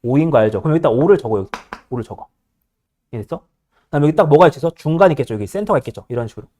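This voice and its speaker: A male high school math teacher lecturing a class, bossy and teasing, always checking whether students follow. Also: expressive, rapid-fire, dark tone.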